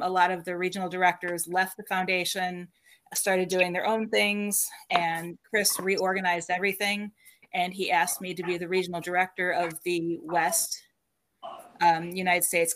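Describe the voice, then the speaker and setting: A woman's voice: fairly low pitch, flat delivery, normal speed, a bit bright, slight background noise. A woman guest on a podcast, casually telling stories about her paranormal work and laughing often between sentences. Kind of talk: casual storytelling interview.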